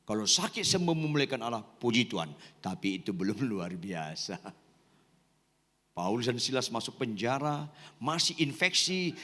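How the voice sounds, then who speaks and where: Animated joking pastor, hall echo. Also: male voice, medium pitch. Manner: animated, joking, quizzing the congregation, shouting at times. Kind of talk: lively sermon.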